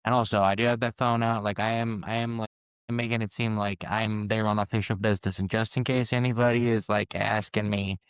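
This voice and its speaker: A man's voice: on the low side, flat delivery, brisk, clean tone, no room sound. A man playing a tabletop game, talking casually and rambling with lots of fillers. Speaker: player. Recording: slightly dull lo-fi mic.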